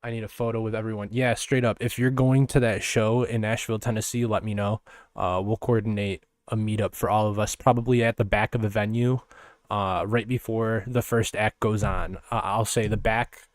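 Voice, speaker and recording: A man's voice: lowish voice, fairly even intonation, normal speed, no room sound. Chatty man hosting a podcast, dry sound. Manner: rambling and chatty, many fillers and restarts. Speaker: podcast host. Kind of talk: casual podcast monologue.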